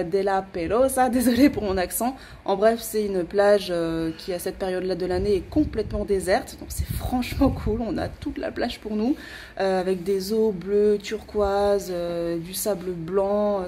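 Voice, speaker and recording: A young woman talks to camera on a travel vlog, pausing often with filler sounds. Her voice sits at an ordinary middle pitch. She is recorded outdoors, with clear background noise under her speech. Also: dark tone. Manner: hesitant, many filler sounds. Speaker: travel vlogger.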